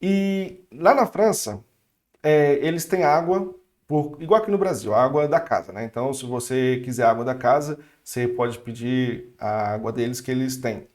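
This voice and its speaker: A man's voice: medium pitch, moderate pace, darkish tone. Chatty Brazilian man teaching French. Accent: Brazilian Portuguese. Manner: chatty, upbeat, with asides and restarts. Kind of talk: casual online language lesson.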